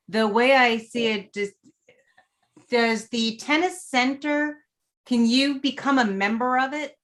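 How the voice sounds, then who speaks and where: A woman on a city council speaks up with a bright, clear voice. She talks conversationally and sometimes adds a quick joking aside. This is a plain council meeting discussion. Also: medium pitch. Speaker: council member.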